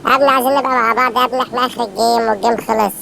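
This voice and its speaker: A woman with an Egyptian accent giving excited live gameplay commentary, urging her teammates on with frequent shouted calls. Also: on the high side, racing, gravelly, slight background noise. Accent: Egyptian Arabic. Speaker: gamer streamer.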